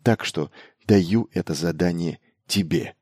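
A man's voice: low-pitched, darkish tone, husky, no echo. Man doing a bold young lord commander, insistent, urgent, dry close sound. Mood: grim urgency. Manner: insistent, quick-witted, commanding.

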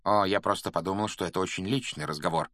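A man's voice: lowish voice, a little fast, a bit bright, dry recording, clean studio sound. A man voicing a cold, threatening male schoolmaster who speaks in a clipped, ironic tone. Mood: icy menace.

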